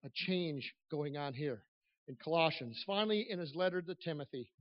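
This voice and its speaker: A man preaching a church sermon at a pulpit microphone, earnest and emphatic, speaking in halting phrases that swell and drop in volume. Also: a little high, animated. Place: large church room. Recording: echoey church PA, slightly dull.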